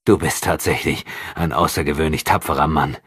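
A man reading an audiobook, voicing a chained prisoner who speaks in a raised, forceful, scornful way. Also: extremely low pitch, fairly even intonation, fairly quick, breathy edge, no echo, clean studio sound, exaggerated voice. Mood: defiant. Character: defiant chained male prisoner, bitter and scornful.

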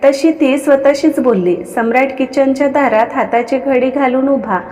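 A woman narrating a romance story in a steady, expressive reading voice. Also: high voice, normal speed, in a large hall.

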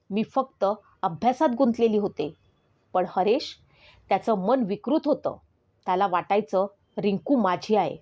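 A woman's voice: medium pitch, a little mellow, highs cut off. A woman narrating in the first person as the spirit of a murdered teenage schoolgirl, in a solemn, pleading manner.

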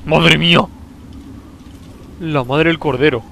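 A man from commentating a video game he is playing, talking to himself, with a sore throat, excitable and prone to loud outbursts. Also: on the high side, slow, vocal fry, slight background noise, low-quality recording. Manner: excitable, talks to himself, bursts into loud exclamations. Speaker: gameplay commentator. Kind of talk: let's play commentary.

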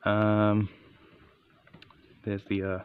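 A man's voice: fairly low pitch, completely flat delivery, drawn-out words, clear, resonant tone, phone-quality sound. A man giving a casual, unscripted hands-on product review in an understated, matter-of-fact way.

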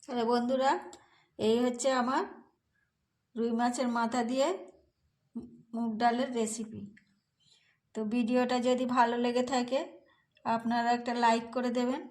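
Woman narrating a home cooking video. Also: on the high side. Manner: calm step-by-step explaining. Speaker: cooking channel host. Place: home kitchen. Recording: faint background noise.

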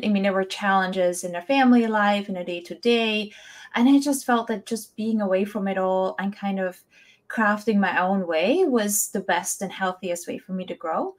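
A woman at a medium pitch. She tells her story in a casual, conversational way, as a guest being interviewed over a video call through earbuds. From Austria. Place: indoor room, video call. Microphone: wireless earbuds on video call.

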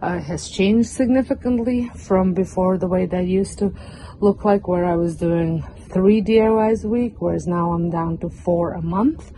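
A middle-aged woman vlogs about home organizing, giving a casual, rambling tour of her basement craft room on a phone camera that is sometimes handheld and sometimes on a stand. Her voice is fairly low and mellow at a moderate pace, and she is chatty, with frequent fillers and restarts. The low-quality recording has slight background noise.

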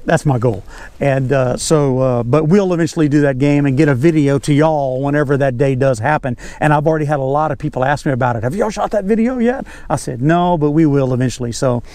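Out on a bass boat on a lake, an older Southern US man works as a fishing guide, giving an informal, folksy lesson and repeating key words for emphasis. His mellow voice sits at medium pitch, the pace a little fast, and the recording is dry.

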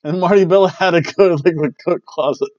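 Speaking briskly in a slightly high voice with a darkish tone, a wrestling review host in his forties casually recaps shows from a small home room. He's jokey and loose, sprinkling in playful exclamations. Heard through a headset mic on a webcam call, the audio is dry, dull and lo-fi with no echo.

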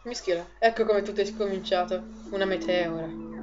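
A woman hosting a let's play, chatty and excitable, laughing often and talking to her viewers. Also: mid-range voice, normal speed. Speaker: gaming video host. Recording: lo-fi audio with game music behind. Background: game music.

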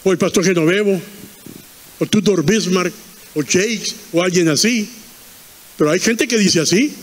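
A man's voice: high voice, a little slow, in a large hall. A man preaching a fervent sermon in a church, repeating lines and quizzing the congregation.

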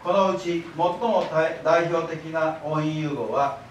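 Speaking slowly at a fairly high pitch, a male lecturer who is a library director patiently explains his subject and has the audience repeat words back to him. The lecture hall echoes heavily, his voice seems distant, and faint hiss runs under the recording.

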